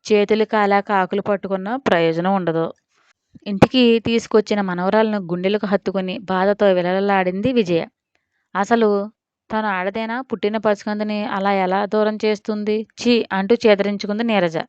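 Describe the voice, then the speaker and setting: A woman narrating a dramatic audio story in an expressive storytelling style. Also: mid-range voice, normal speed, clear, resonant tone, dry recording. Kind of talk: scripted narration. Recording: dull lo-fi audio.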